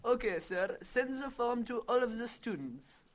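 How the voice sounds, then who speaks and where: Woman doing a sly vampire guy, broken english, fake polite, a bit high. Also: lively intonation, moderate pace, lightly acted. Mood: smooth, falsely polite.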